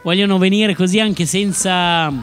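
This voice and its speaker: A man co-hosts with a high, upbeat voice, chiming in often. Light live music sits under his talk. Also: fairly even intonation, normal speed, a bit bright. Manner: chatty, upbeat, interjecting. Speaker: co-host. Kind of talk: casual live chat in a bar.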